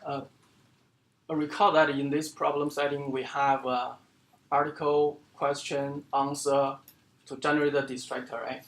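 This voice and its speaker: A man giving an academic seminar lecture as the speaker, explaining in a halting way with many fillers and restarts. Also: a little high, level tone, a bit bright. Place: lecture room.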